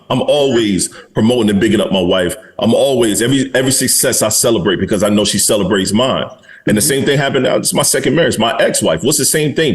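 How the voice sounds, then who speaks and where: A man in his forties hosting a podcast, talking bluntly and candidly with some swearing in casual chat. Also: mid-range voice. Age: 40s. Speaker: podcast host.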